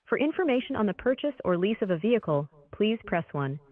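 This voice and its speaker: A woman's voice: medium pitch, big pitch swings, quick pace, crowd noise. Recorded phone message, woman's voice. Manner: evenly paced, scripted announcing. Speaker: automated phone menu. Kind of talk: recorded phone menu prompts. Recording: tinny phone line.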